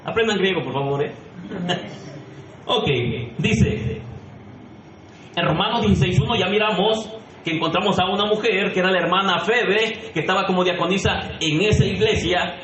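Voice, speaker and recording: A man's voice: sits high, normal speed, a bit bright, reverberant, slight background noise, poor audio. A man preaching a sermon as pastor, emphatic and questioning the congregation directly. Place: church sanctuary.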